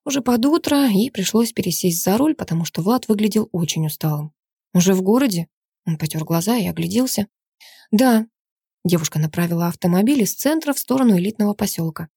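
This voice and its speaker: A woman's voice: medium pitch, fast, gravelly, few pauses, slightly rough, no echo, studio quality. A woman narrating a novel chapter as an audiobook, reading the dialogue with feeling. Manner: voices all characters in one expressive reading. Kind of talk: scripted narration with acted dialogue.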